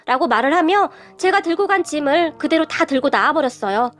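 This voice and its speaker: A woman's voice: high-pitched, lively intonation, brisk. A young woman telling a first-person story in the style of a narrated radio story. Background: soft background music.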